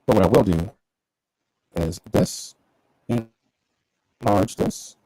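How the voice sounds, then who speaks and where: A man hosting a casual basketball chat on a livestream, rambling and repeating words as he thinks, through a mic that sounds robotic and low-sample-rate. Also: lively intonation, slow, warm tone, no room sound, low-quality recording. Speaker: podcast host.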